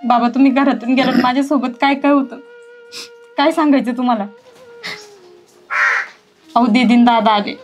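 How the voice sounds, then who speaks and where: A woman's voice: sits high, darkish tone, lightly acted. An actress playing a mistreated young stepdaughter, crying and pleading with her father, with faint music behind. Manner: tearful, pleading. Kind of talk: village drama acting.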